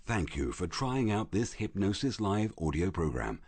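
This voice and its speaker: A man reading a slow, measured scripted introduction as a program announcer. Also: deep voice, very animated, darkish tone, slightly rough, no echo.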